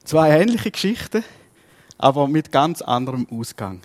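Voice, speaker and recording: A man with a Swiss German accent preaching a sermon, telling stories in a lively way and acting out voices. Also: fairly high pitch, normal speed.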